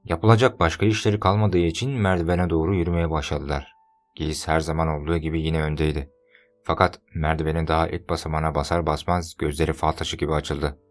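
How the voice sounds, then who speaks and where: Deep-voiced man reading an audiobook. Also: level tone, fairly quick, faint music behind. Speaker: audiobook narrator. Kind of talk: scripted narration.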